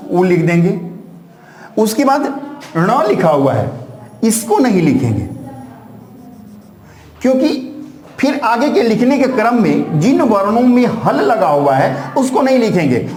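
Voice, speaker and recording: A man teaching Sanskrit grammar in a classroom style, reciting syllables one by one in slow lists and calling his students "beta". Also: sits high, very animated, darkish tone, echoey room.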